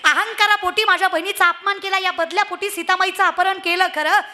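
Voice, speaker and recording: A woman's voice: very high-pitched, fairly even intonation, a little fast, bright, forceful tone. A woman voicing a proud male demon king of legend who speaks earnestly and reasons about his limits, in a devotional storytelling sermon.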